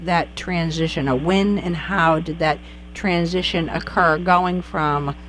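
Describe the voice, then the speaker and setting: A woman's voice: fairly low pitch, steady tone, slow, fairly bright tone, a little hiss or hum, low-quality recording. A woman hosting an interview, chatty and inquisitive, who asks long winding questions. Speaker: podcast host. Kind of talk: conversational interview.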